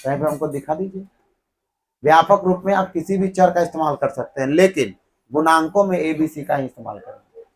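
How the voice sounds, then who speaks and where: Male teacher, slightly high voice, call-and-response classroom style. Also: a little fast, breathy edge, low-quality recording. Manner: keeps quizzing the class, then answering himself. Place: classroom with students.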